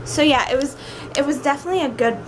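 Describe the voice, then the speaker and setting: A young woman vlogging casually at home in an informal, rambling way, full of "like" and "kinda". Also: high-pitched. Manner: informal, drawn-out asides with frequent "like" and "kinda". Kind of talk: casual daily vlog chat. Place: at home, indoors. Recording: clear background noise, home ambience.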